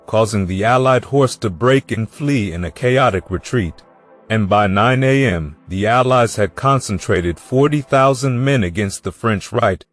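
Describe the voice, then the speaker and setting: A man reading a scripted history narration in an even, measured storytelling way. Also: on the low side, dry recording. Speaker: documentary narrator.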